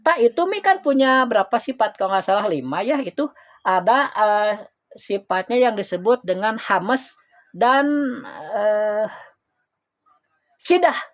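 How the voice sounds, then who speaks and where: A woman teaching Quran recitation in an informal lesson, patient and repeating letter sounds slowly. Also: mid-range voice, lively intonation, dull audio.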